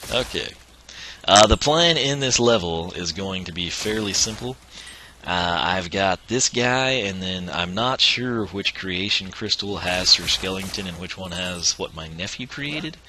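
A deep-voiced man streams a video game at a measured pace, his tone sharp and his intonation lively, with slight background noise. He's losing his voice but stays chatty and rambling in his casual let's-play commentary, chuckling often.

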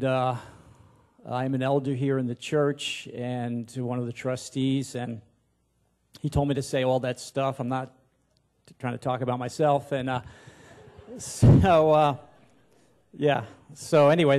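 A sixty-something pastor with a medium-pitched, darkish voice stands at a pulpit on the stage of a large church auditorium. Speaking into a handheld mic, he delivers an informal sermon in a folksy, hesitant, self-deprecating way.

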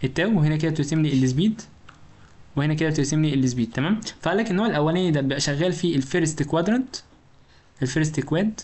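A man with an Egyptian Arabic accent explains engineering material at a rapid clip, in a slightly high voice. He speaks straight to the student and keeps asking rhetorical questions to check that they follow. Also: animated, a little mellow. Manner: informal, talks directly to the student. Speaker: engineering lecturer. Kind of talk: recorded lecture explanation.

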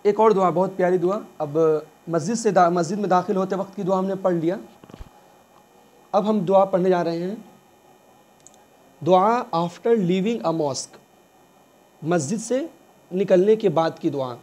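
Male English tutor, high mellow voice, slow repetitive drilling style. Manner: repeats words slowly, quizzing the listener. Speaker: English teacher. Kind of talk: slow bilingual reading lesson.

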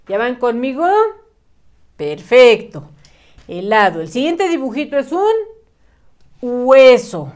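A woman teacher giving a patient writing lesson to young children, encouraging them and sounding words out syllable by syllable. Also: on the high side.

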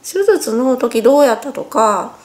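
A woman from Japan in her 40s chats in a home vlog, unhurried, her fairly high voice animated. Having had nose surgery, she speaks a bit sluggishly and with strain, wincing in pain and correcting herself as she goes, indoors at home.

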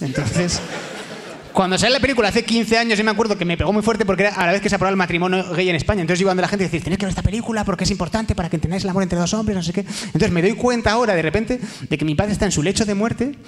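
Young comedian on stage, fairly high voice, storyteller who drops to whispers and bursts loud. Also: male voice, very fast. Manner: storytelling, swings between hushed whispers and loud sung bits. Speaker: stand-up comedian. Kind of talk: live stand-up monologue. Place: theater stage before a live audience.

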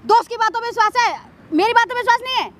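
A woman's voice: extremely high pitch, rapid-fire, fairly bright tone. A woman playing a young girlfriend in a staged skit, pleading and indignant as she insists she is telling the truth, outdoors in a park. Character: young girlfriend defending herself.

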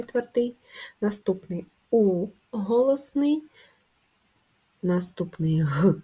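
A woman teaching young children to write letters, speaking slowly and gently with clear instructions. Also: on the low side. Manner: slow, gentle and instructive, addressing young pupils. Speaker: primary school teacher. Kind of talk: children's handwriting lesson.

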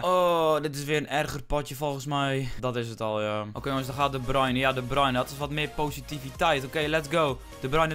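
A young man commentating his own gameplay, swearing and yelling at the game before dropping to a low mutter. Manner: excitable, swears and yells at the game, then drops to low muttering. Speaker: gaming video creator.

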